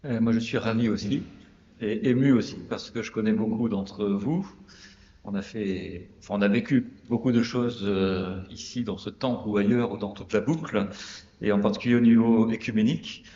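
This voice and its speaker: A man's voice: fairly low pitch, normal speed, warm tone, roomy sound, in a large hall, muffled recording. A middle-aged man, a pastor, introducing himself at a church conference with some hesitation. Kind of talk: conference talk. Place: Protestant church.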